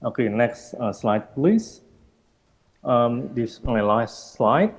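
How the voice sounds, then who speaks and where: A man with an expressive mid-range voice speaks slowly while giving an academic slide presentation at a roundtable in a gallery hall. An architecture researcher on the panel, he thinks aloud and hesitates, hedging with "perhaps" and "I don't know." The recording has a long hall reverb.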